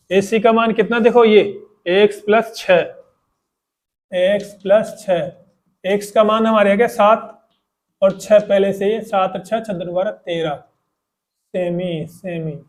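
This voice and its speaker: Man, fairly high voice, math teacher at a classroom board, patient, repeats steps, quizzes students. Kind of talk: blackboard math lesson.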